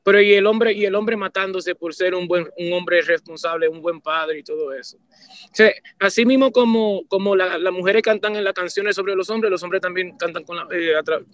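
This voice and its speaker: A man's voice: sits high, normal speed, a bit bright, no echo. A man, a band leader talking passionately in an interview, repeating himself and restarting phrases. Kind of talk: casual interview talk.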